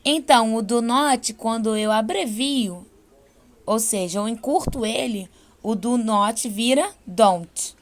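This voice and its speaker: Brazilian woman teacher, patient explainer. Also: on the high side. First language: Portuguese. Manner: explains patiently, slows down for English examples. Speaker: English teacher. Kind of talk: online class lesson.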